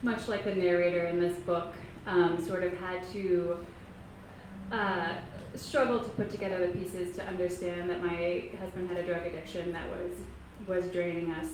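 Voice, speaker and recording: Giving a casual library talk, this author is a Kentucky woman in her thirties with a lowish voice and level tone. She's soft-spoken and halting, pausing often and saying um frequently. Her setting is a public library meeting room that sounds echoey, with faint noise.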